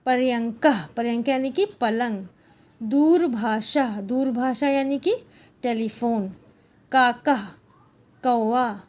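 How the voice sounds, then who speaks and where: A woman teaching Sanskrit, working through textbook exercises and glossing each word slowly and patiently. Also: a little high, darkish tone.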